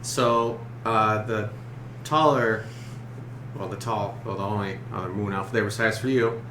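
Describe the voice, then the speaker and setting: A man narrating a tabletop role-playing game as game master, halting and searching for his words. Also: lowish voice, fairly even intonation. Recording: roomy, echoey, noisy room recording.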